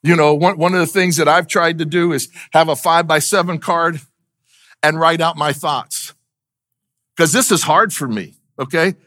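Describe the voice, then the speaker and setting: A man's voice: on the high side, fairly even intonation, normal speed, fairly bright tone. A middle-aged male pastor preaching in church, talking conversationally and putting questions to the congregation. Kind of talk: sermon.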